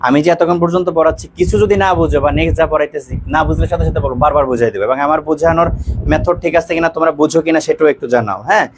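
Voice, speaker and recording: A man's voice: a little high, slight background noise. A young man teaching a live online grammar lesson, speaking with a sore throat and cold and often checking that students follow. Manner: fast, repetitive checking-in with students. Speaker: online admission coaching teacher.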